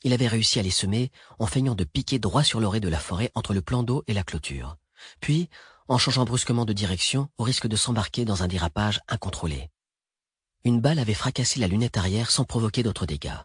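A man narrating an action thriller audiobook in a steady, even read. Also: fairly low pitch, brisk, husky, no room sound. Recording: dry close recording.

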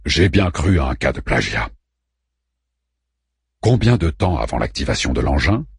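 Guy doing a big mellow male robot, low and husky, calm and curious. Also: normal speed, no room sound, studio quality, heavily acted.

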